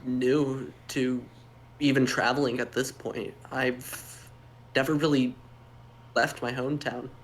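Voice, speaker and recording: A man's voice: medium pitch, flat delivery, slow, slight background noise, natural voice. A man voicing a nervous young male shopkeeper far from home, who stammers and apologizes in a tabletop role-play.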